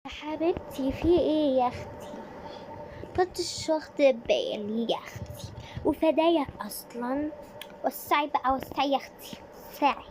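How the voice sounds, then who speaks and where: A woman's voice: sits high, moderate pace, darkish tone, pitched above the performer's own voice, natural voice. A woman with an Egyptian accent voicing a touchy teenage schoolgirl who snaps at classmates. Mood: irritated. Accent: Egyptian Arabic. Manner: snappy, aggrieved. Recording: noisy home recording.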